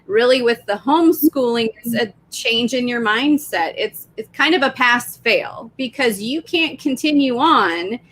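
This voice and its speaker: A woman's voice: on the high side, expressive, a little slow, hardly any pauses, fairly bright tone, low-quality recording. A woman telling stories about homeschooling in casual chat on a live stream. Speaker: homeschooling parent guest.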